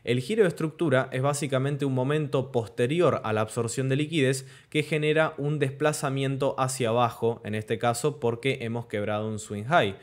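Young male trading tutor, patient explainer on webcam, slows on key terms. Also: medium pitch, fairly even intonation. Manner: explanatory, checks in with "¿ok?" and "¿de acuerdo?". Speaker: crypto trading instructor. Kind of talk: screen-share chart tutorial. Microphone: webcam in corner of screen recording.

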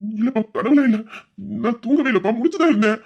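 A man's voice: very high-pitched, lively intonation, fast talker, darkish tone, breathy edge, muffled recording, heavily acted. A man voicing an anxious, tearful young man in an audio story, speaking in a shaky, worried way.

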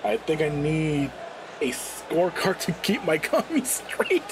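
A man's voice: on the high side, big pitch swings, slow, background noise. A man doing casual, rambling commentary on a live stream, giggling often and apologizing with a laugh. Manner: giggly, rambling, self-deprecating. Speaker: wrestling commentator.

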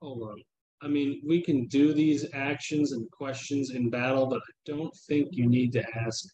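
A man narrating a tabletop game casually as game master, often halting to find his words. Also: mid-range voice, fairly even intonation, warm tone, reverberant, low-quality recording. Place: indoors at home, on a video call.

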